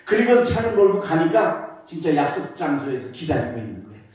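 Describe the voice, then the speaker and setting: A man's voice: on the high side, brisk, distant mic. Older male pastor in an echoey church. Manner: animated, repetitive, emphatic. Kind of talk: sermon storytelling. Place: church sanctuary. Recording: echoey church hall from afar.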